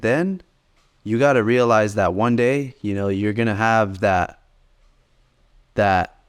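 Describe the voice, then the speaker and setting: A man's voice: fairly low pitch, clean tone. A man in his late twenties telling his story in a laid-back, rambling way as a podcast co-host. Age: 20s. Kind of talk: casual podcast chat.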